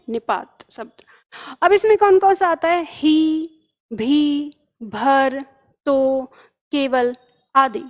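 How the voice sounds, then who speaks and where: A woman teaching a grammar lesson. She asks questions and answers them herself, and repeats key terms for emphasis. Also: sits high.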